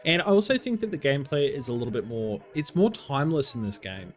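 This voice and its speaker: Male co-host, excitable rambler who laughs a lot, mid-pitched, faint music underneath. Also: fast. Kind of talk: casual gaming chat.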